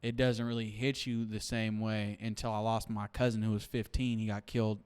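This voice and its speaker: A young man in his twenties speaks as a podcast guest in a low, smooth voice. He keeps a flat, steady delivery while reflecting out loud, and he leans on fillers as he thinks. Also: moderate pace. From Seattle, USA. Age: 20s. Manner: reflective, with many "like" and "you know" fillers. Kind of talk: casual interview talk.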